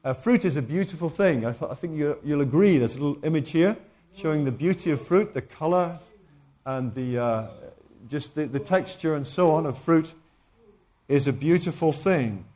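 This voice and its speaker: A man's voice: a little high, lively intonation, moderate pace, warm tone. A man preaching a sermon, emphatic, repeating key phrases and often restarting his sentences.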